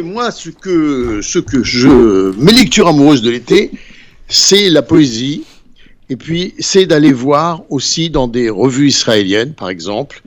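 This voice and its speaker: A man speaks as a guest on a radio panel, picking his words slowly and restarting often. The sound is dry and close, with no room echo. His pitch sits at an everyday middle. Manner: hesitant, searching for words. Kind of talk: panel talk.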